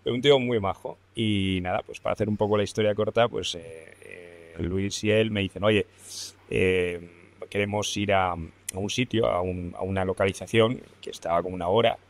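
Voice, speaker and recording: Lively storytelling man with Spanish accent. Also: low-pitched, moderate pace. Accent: Spain Spanish. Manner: lively, laughs often, colloquial swearing. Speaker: podcast guest. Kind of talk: casual storytelling.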